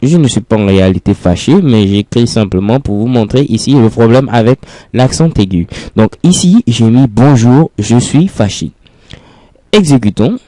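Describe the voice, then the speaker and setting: In a screencast coding tutorial, a man teaches programming in French, patiently explaining each step and repeating key phrases. His medium-pitched voice is mellow and expressive, delivered at a moderate pace with no room sound.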